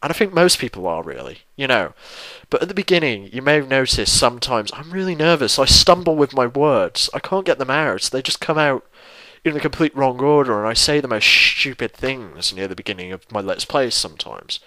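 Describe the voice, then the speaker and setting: A man's voice: mid-range voice, lively intonation, fairly quick, hardly any pauses, sharp tone, dry recording, rough recording. A young man hosting a let's play channel, answering viewer questions in a casual, rambling and self-deprecating way, swearing freely and restarting his sentences.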